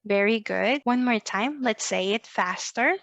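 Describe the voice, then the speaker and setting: A woman's voice: fairly high pitch, measured pace, gravelly, fairly bright tone, no room sound, highs cut off. A woman teaching phrases in a patient lesson, praising learners and having them repeat after her. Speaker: language teacher. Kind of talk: scripted language lesson.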